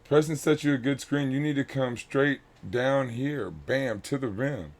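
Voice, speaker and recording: A man with a mid-range voice breaks down film for his youth basketball squad, talking a little slowly. He's straightforward and instructive, circling back to the same key points.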